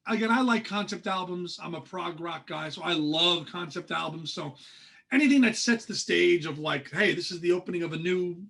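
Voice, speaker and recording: Gravelly husky guy in his 40s, co-hosting a music podcast, rambly and excited, lots of ums. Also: sits high, normal speed. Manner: enthusiastic, rambling with many fillers and restarts. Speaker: podcast co-host. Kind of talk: casual chat.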